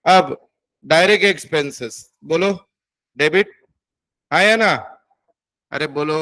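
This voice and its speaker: A man's voice: a little high, sharp tone. Man teaching accounting class. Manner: coaxing, addresses students as beta, quizzes them. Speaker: accounting tutor.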